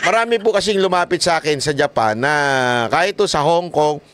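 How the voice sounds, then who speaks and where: A man giving casual political commentary as a vlogger, animated and mocking, laughing often between points. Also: a little high, brisk, heavy background noise.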